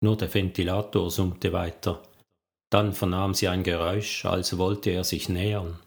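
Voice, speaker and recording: A man narrating a crime novel in a steady, measured storytelling manner. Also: low-pitched, creaky. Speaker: audiobook narrator.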